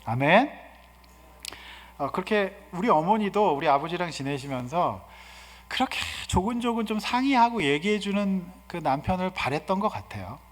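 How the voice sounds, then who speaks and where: A male guest pastor giving an animated, humorous sermon and asking the congregation questions. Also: high voice, normal speed. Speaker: guest pastor and seminar speaker. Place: church sanctuary. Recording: reverberant church hall.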